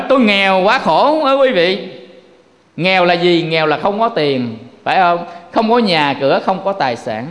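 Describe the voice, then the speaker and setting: A man preaches a homely Buddhist sermon. He talks in a chatty way and keeps turning to his listeners. His voice rings out with a long hall reverb. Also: sits high. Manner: conversational, keeps addressing listeners directly. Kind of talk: folksy sermon.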